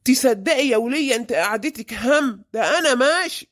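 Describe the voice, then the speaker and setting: A woman's voice: sits high, lively intonation, fairly quick, fairly bright tone. A woman voicing a stingy, grumbling middle-aged husband in an Egyptian cartoon, with an Egyptian accent and a scolding, exasperated way of talking. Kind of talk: cartoon voice acting.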